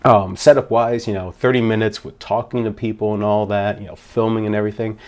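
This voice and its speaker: A man's voice: lowish voice, little pitch movement, brisk, darkish tone. A man who works as a wedding DJ, talking casually to camera in a vlog. He rambles upbeat with many fillers and is a little out of breath. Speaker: wedding DJ vlogging a gig log.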